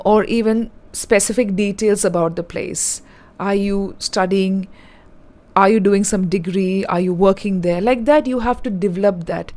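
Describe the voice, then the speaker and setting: A woman's voice: medium pitch, darkish tone. A woman giving an online lesson in a direct, instructive, step-by-step manner. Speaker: English teacher.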